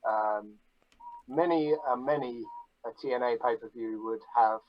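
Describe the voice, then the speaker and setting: A man chatting casually on a podcast, bragging about himself in a deadpan, mock-grandiose way. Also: mid-range voice, a little slow, no room sound, highs cut off. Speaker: guest.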